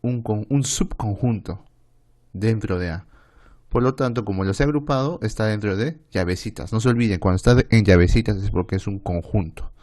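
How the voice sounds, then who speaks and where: A man's voice: on the low side, fairly quick, a little mellow. A man with a Peruvian Spanish accent tutoring math online, explaining step by step and often checking with "¿está bien?". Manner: voices students' questions himself.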